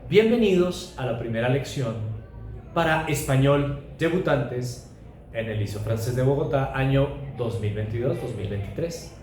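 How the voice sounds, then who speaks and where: A man teaching a beginner lesson, speaking slowly and carefully and repeating sounds for pupils to echo. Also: medium pitch, expressive, darkish tone, faint music behind. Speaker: Spanish teacher. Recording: echoey room with faint hiss.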